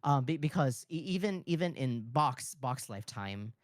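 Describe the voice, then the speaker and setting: Excitable streamer chatting, dry close sound. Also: medium pitch, normal speed, dry recording. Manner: excitable, repeats words and phrases in bursts. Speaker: streamer, pianist and composer. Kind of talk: casual livestream chat.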